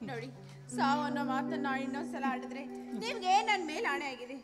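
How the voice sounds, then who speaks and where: A devoted young daughter, played by a woman pleads through tears in a village stage drama. Her voice is very high-pitched. Clear stage music plays behind her. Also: animated, fairly quick. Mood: pleading. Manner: tearful, pleading cries.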